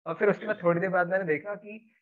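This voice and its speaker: A man's voice: sits high, steady tone, fast talker. A man telling a personal story in an earnest, rambling, casual way, slipping in English words. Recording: tinny phone-like sound.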